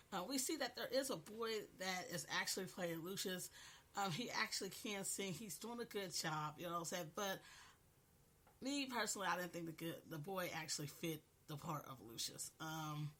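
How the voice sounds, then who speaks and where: A woman hosting a podcast recaps a TV episode casually and chattily, often saying "you know what I'm saying." She has a cold and is coughing. Her voice is lowish with a fairly bright tone.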